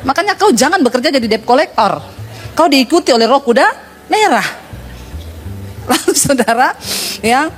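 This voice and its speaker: A woman pastor with a high voice preaching to her congregation. She tells stories with humor and speaks straight to her listeners. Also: animated, moderate pace, long pauses, faint music behind. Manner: humorous storytelling, addresses congregation. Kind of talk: sermon.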